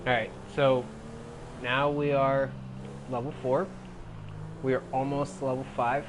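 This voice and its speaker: Casting: young male let's-player, mid-range pitch, loose slangy chatter with swearing, clear background noise. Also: flat delivery, a little slow. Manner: slangy, profane, rambling. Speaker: gaming commentator. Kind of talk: casual let's play commentary. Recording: clearly noisy, game engine sounds behind.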